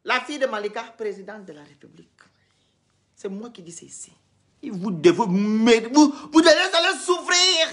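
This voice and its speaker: A woman's voice: a little high, expressive, moderate pace. A woman from Gabon, scolding and lecturing her viewers in a heated, repetitive live-stream rant.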